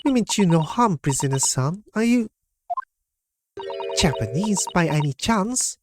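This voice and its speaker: A woman's voice: fairly low pitch, lively intonation, unhurried, background noise, pitched above the performer's own voice. A woman reading a game script aloud, voicing a hesitant young male lawyer who is polite but falters as he speaks. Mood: earnest. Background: game music.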